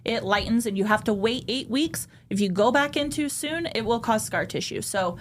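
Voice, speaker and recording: A woman's voice: on the high side, moderate pace, a little hiss or hum. A woman in her thirties who runs a permanent makeup studio, hosting a podcast in blunt, heated, profane casual chat.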